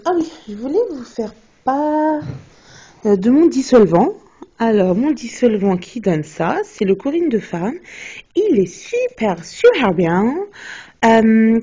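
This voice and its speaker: Chatty young woman with a husky voice. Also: mid-range voice, warm tone. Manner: chatty, hesitant, many fillers and restarts. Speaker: beauty vlogger. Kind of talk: casual product haul chat. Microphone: phone. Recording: dull lo-fi phone video.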